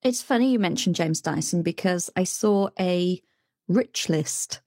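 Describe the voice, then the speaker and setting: Brief: woman host, lowish voice, relaxed chatty delivery, dry close mic. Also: unhurried, no echo. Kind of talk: casual conversational interview.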